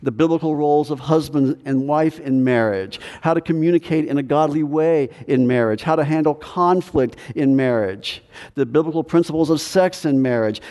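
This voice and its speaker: A man's voice: on the high side, warm tone. Man preaching in a reverberant hall. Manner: conversational preaching with humor and rhetorical questions. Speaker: pastor. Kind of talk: sermon.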